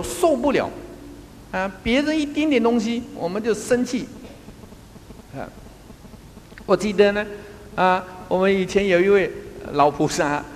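A man gives a Buddhist Dharma talk as a monastic teacher, telling funny anecdotes with lots of chuckles. His voice sits high and swings widely up and down. The sound rings out in a reverberant hall with a faint hum underneath. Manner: animated storytelling, chuckles often.

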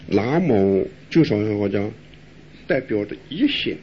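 Chuckling old monk, lively voice, lo-fi. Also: male voice, on the low side, unhurried, slight background noise. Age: older. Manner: folksy, chuckling, asks rhetorical questions. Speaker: Buddhist monk teacher. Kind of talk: dharma talk answering questions. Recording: dull lo-fi recording.

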